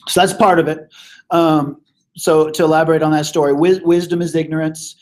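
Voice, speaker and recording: A male teacher who is losing his voice, leading a casual classroom review with lots of fillers and throat clearing. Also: fairly high pitch, flat delivery, fairly quick.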